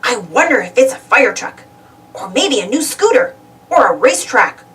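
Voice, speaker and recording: A woman voicing an excitable, self-centred male cartoon duck from a storybook, exclaiming and wondering aloud eagerly. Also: on the high side, moderate pace, recorded from a distance. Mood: musing.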